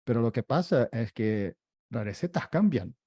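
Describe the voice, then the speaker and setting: A man from Brazil with a Brazilian Portuguese accent in his Spanish, talking casually on a panel in halting, hesitant phrases. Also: medium pitch, animated, warm tone, husky, dry recording, clean studio sound. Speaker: interpreter and panel co-host.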